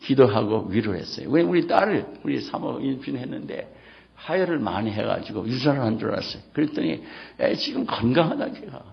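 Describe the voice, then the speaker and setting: A middle-aged man, a pastor, preaching an impassioned sermon that swings from loud exclamations to hushed near-whispers. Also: medium pitch, big pitch swings, brisk, creaky. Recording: dull lo-fi sermon recording.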